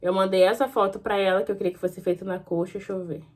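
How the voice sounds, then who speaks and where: A woman's voice: medium pitch, steady tone, quick pace, a little mellow. A young woman chatting in a casual vlog, telling a story in a rambling way and acting out both sides of the conversation. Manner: chatty, rambling, often says "gente" and "falei assim". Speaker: vlogger.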